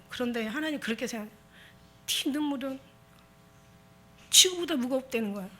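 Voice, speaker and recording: A woman's voice: on the high side, fairly bright tone. A woman pastor preaching a Sunday sermon, impassioned and exhorting her congregation with emphatic repetition.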